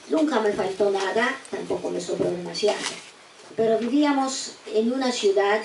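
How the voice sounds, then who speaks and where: A woman in her eighties from eastern Poland, giving her testimony to students slowly and deliberately, often restarting her words. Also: medium pitch, darkish tone. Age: 80s. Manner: slow, deliberate, with repeated restarts. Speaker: guest speaker giving survivor testimony. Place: university auditorium. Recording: echoey room, distant mic, faint noise.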